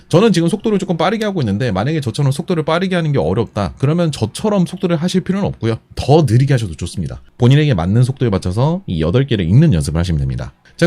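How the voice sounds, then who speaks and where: A man teaching a beatbox lesson step by step, patient and methodical, repeating each instruction slowly. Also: medium pitch, mellow. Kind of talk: step-by-step tutorial explanation.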